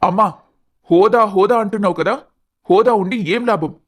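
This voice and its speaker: A man's voice: sits high, moderate pace. An earnest lovestruck young man. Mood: earnest, pleading. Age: young adult. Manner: earnest, pleading.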